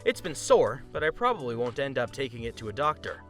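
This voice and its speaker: Expressive, bright-voiced male story narrator. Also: medium pitch, a little fast, soft background music. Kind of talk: scripted narration.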